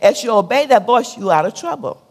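Husky-voiced woman pastor preaching. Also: fairly high pitch, lively intonation, fairly quick, long reverb tail. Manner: preaching with call-and-response questions and repetition; drops to a soft, hushed tone when telling a sad story. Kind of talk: sermon.

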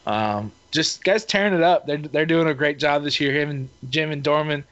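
A man co-hosting a casual fishing show chat, relaxed and rambling with many fillers. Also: fairly high pitch, normal speed. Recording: muffled lo-fi audio.

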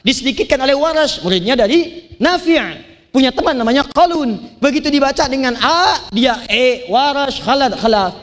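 A man from Banten preaching to an audience, telling lively stories and chanting Quranic verses. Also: very high-pitched, normal speed. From Banten, Indonesia. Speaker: Islamic preacher. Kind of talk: sermon to a live audience.

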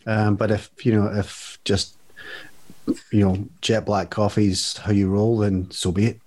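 As a guest on a podcast, this man keeps things casual, playful and jokey, often mocking himself. He speaks a little slowly in a lowish, slightly mellow voice with a flat delivery, into a studio mic with headphones set up in his home music studio.

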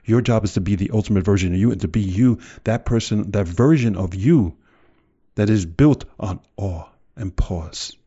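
A man's voice: lowish voice, normal speed, warm tone, husky, muffled recording. A man delivering a motivational speech in an emphatic, direct way, full of rhetorical questions and repetition. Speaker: motivational speaker.

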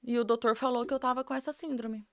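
A woman's voice: a little high, fairly even intonation, fast, slight background noise. A woman, a podcast guest telling her own story in a candid, earnest way and repeating words for emphasis. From Campo Grande, Brazil. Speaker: podcast guest, tanning professional.

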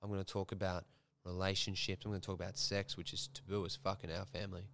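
A man's voice: sits low, flat delivery, fast, gravelly, a bit bright, slight background noise. A young man, hosting a podcast and telling a personal story frankly, swearing freely. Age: young adult. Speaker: podcast host.

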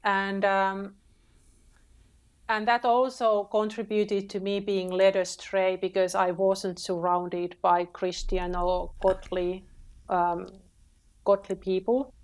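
A woman's voice: medium pitch, little pitch movement, clear, resonant tone. A woman from Finland, a podcast guest sharing her faith story in earnest conversation. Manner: earnest, unhurried, with frequent fillers and restarts.

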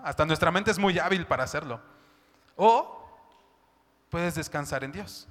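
A man's voice: high voice, fairly bright tone. A man preaching a sermon, talking in a chatty way and often asking "¿no?". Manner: conversational, keeps asking "¿no?" and "¿sabes?". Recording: long hall reverb.

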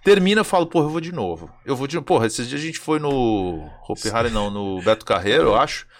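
A Brazilian man chatting casually as a host, telling animated stories full of slang and acting out what people said. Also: mid-range voice, fast talker. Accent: Brazilian Portuguese. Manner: animated storyteller, slangy, acts out dialogue. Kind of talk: casual chat.

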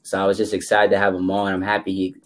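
A man's voice: low voice, completely flat delivery, quick pace, slight background noise. A man in his twenties chatting casually as a podcast co-host, repeating phrases for emphasis. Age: 20s. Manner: emphatic, repeats himself for stress. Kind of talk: casual chat.

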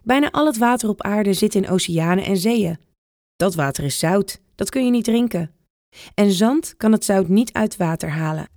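A woman's voice: mid-range voice, expressive, moderate pace, darkish tone, no echo, studio quality, natural voice. A woman voicing an enthusiastic male professor who explains things in a children's storybook. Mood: explaining.

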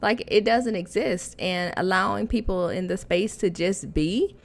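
A woman's voice: medium pitch, unhurried, vocal fry. A woman speaking casually as a podcast guest, thinking aloud in an informal, conversational way. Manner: informal, thinks aloud with repeated "you know" and "like". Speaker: podcast guest, photography educator and conference founder.

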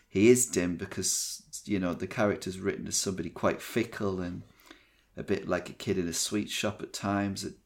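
A man co-hosting a podcast, giving measured, critical film opinions with frequent hesitations. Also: on the low side. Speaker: podcast co-host. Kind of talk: casual film discussion.

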